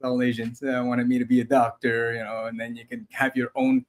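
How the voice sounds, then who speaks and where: Male co-host, forties, mid-pitched, chatty and self-mocking, casual stream talk. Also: flat delivery, a little fast. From Taiwan. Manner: chatty, self-deprecating, many restarts and laughs. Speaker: podcast co-host. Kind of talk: casual livestream chat.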